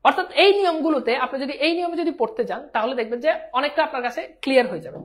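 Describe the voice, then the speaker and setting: A woman's voice: high-pitched, lively intonation, very fast. A woman teaching an exam-prep grammar class, often checking whether her students understand and mixing English words into her speech.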